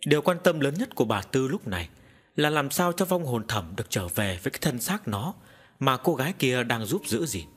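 A man narrating an audiobook story in an expressive, animated way. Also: medium pitch, a little fast, breathy edge.

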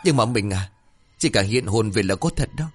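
A man's voice: on the low side, animated, normal speed, breathy edge, faint music behind. A man voicing a frightened young second wife who speaks in a panicky, pleading way in a spoken ghost story. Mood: panicked.

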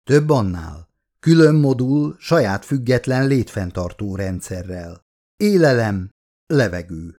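A man's voice: medium pitch, animated, dark tone, natural voice. A man reading the lines of a polite android servant in an ingratiating, obliging manner. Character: smooth polite android butler. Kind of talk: audiobook character reading.

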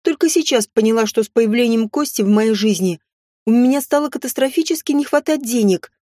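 Mellow, fairly high woman narrating dramatically. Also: brisk, dry recording, clean studio sound. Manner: expressive, dramatic delivery. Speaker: audiobook narrator. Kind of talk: first-person audiobook narration with acted dialogue.

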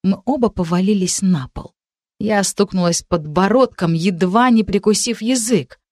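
A woman narrating a first-person audiobook with expressive storytelling. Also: medium pitch, moderate pace, no echo, clean studio sound.

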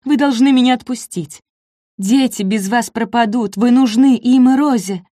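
A woman's voice: normal speed, warm tone, no echo, studio quality, lightly acted. A woman voicing a desperate young woman pleading for her family. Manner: pleading, raised higher voice.

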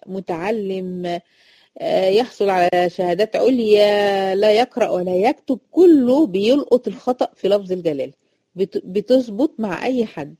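A woman's voice: mid-range voice, warm tone, husky, dry recording. Egyptian woman teaching Quran recitation. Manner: chatty, explains by repeating rules and asking quick check questions. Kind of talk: online recitation lesson to female students.

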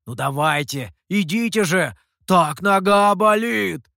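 A hot-headed monkey lord, put on by an audiobook reader insists and boasts in a loud, pompous voice. The pitch swings widely. The recording is close and dry. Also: male voice, sing-song, a little slow, no echo, full character voice. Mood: insistent.

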